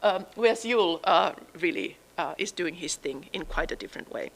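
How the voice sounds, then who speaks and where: A woman giving a partly improvised academic talk, pausing to search for words, then stating opinions emphatically. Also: on the low side, expressive, vocal fry, rough recording. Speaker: lecturer presenting own book research.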